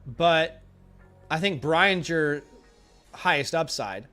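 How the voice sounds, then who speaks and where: A man with a slightly high, worn voice talks his way loosely through a livestream and gets animated when viewers push him. He sounds like he is losing his voice, and soft music plays behind him. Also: takes it slowly. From Australia. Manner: rambling, animated, easily exasperated with viewers. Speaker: fantasy football host answering live chat questions. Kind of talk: casual livestream chat.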